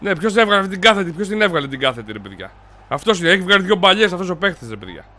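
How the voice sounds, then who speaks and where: A young man loudly commenting while he plays a football video game, cheering and cursing at his players. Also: sits high. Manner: loud, excitable, yells and swears at his players. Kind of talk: excited gaming commentary.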